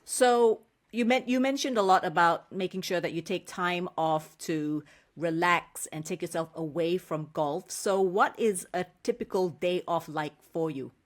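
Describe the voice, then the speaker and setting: A woman's voice: lowish voice, measured pace. A woman from Singapore hosting a podcast, asking interview questions in an articulate, encouraging way. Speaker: podcast host.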